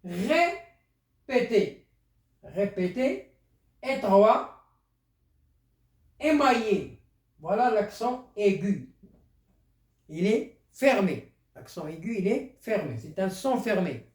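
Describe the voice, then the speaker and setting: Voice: medium pitch, sing-song, takes it slowly, pauses often, a little mellow. A teacher giving a primary school lesson, explaining step by step and repeating words for the pupils. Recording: echoey room.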